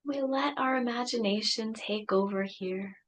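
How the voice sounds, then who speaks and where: A woman leading a guided meditation, speaking softly and soothingly with long pauses. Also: a little high.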